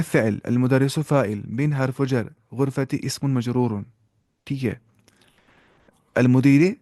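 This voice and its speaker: A man teaching an Arabic grammar lesson, drilling phrases slowly, repeating them and asking the listener questions. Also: medium pitch, warm tone, dry recording, clean studio sound. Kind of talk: grammar lesson, mixing Urdu, Arabic and English.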